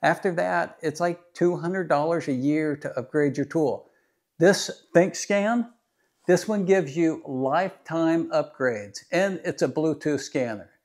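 Unhurried man showing garage tools. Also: a little high, a little mellow. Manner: plain, practical, unhurried explaining. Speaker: DIY mechanic channel host. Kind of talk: casual product demo. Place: home garage.

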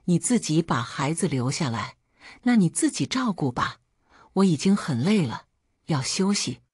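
A woman's voice: low-pitched, sing-song, moderate pace, a little mellow, slightly rough, no echo, studio quality, exaggerated voice. A woman voicing a tired, put-upon older mother who speaks plainly and resentfully. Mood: bitter.

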